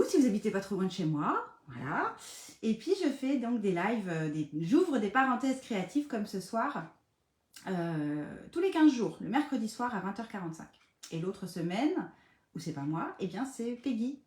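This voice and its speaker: A woman's voice: medium pitch, darkish tone. A middle-aged woman from western France hosting a live paper craft tutorial from home, chatty and playful, with many hesitations. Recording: echoey room.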